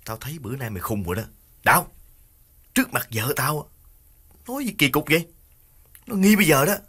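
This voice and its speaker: A man voicing an irritable older man who scolds curtly, with soft music behind. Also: mid-range voice, expressive, fast, husky, voice pushed up. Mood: scolding. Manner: curt, scolding.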